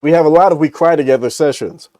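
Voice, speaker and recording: A man co-hosting a casual podcast discussion, talking in an animated way and breaking into mocking impressions. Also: on the high side, fast, dry recording, clean studio sound. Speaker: podcast co-host.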